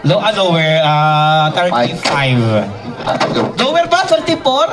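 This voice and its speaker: A man emceeing a party, playful and teasing, shouting game cues to the guests. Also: sits high, wildly swooping pitch, slow. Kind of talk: lively event hosting with party games. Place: busy party venue. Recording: distant voice under loud music and crowd.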